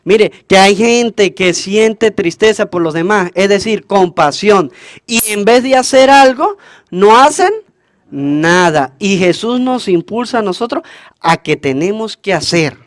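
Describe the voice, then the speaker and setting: A man's voice: sits high, lively intonation, unhurried, dry recording, studio quality. A man, a priest, preaching a homily at Mass, asking the congregation questions and answering them himself. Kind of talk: call-and-response homily at Mass.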